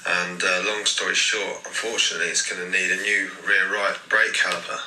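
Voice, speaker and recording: A man's voice: sits low, little pitch movement, a little fast. A man leaving a voicemail message played back on a phone, casually breaking bad news as a mechanic. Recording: echoey phone playback with faint noise.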